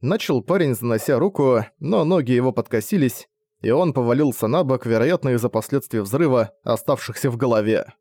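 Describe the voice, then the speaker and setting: Man, audiobook narration, steady, measured, mid-pitched. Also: no room sound.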